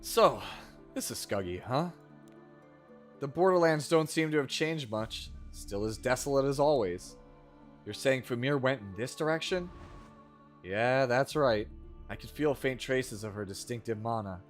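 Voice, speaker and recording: A man's voice: medium pitch, expressive, unhurried, voice pushed down, natural voice. A man doing amateurish voice acting as a stern, curt fugitive in fantasy game dialogue, reading it aloud. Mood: musing. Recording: loud game music behind.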